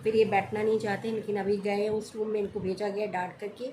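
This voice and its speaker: A woman's voice: mid-range voice, little pitch movement, fast talker, noisy background. A middle-aged woman vlogging casually from home, homely and chatty, now and then lecturing. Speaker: family vlogger. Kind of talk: casual vlog chat.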